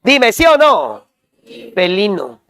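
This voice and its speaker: A male teacher drilling students with quick questions and repeated call-and-response prompts. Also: high-pitched, big pitch swings, sharp tone, clean tone. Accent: Peruvian Spanish. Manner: quizzing, repetitive call-and-response.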